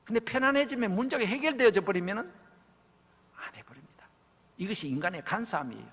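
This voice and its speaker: Male revival preacher, husky and gravelly, dramatic storyteller in a reverberant sanctuary. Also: sits high, animated, fairly quick. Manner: dramatic storytelling, acts out quoted voices, swings from loud to hushed. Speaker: pastor. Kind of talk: revival sermon. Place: large church sanctuary. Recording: church hall with long reverb.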